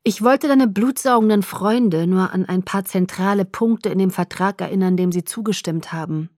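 A woman's voice: mid-range voice, normal speed, darkish tone, dry recording, clean studio sound, close to an everyday voice. A woman voicing a hot-tempered young man who barely holds back his rage, speaking in tense, clipped bursts. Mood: cold, insistent.

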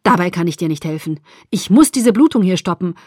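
A woman voicing a calm, matter-of-fact male vampire doctor. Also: on the low side, brisk, slightly rough, dry recording, clean studio sound. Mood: firm.

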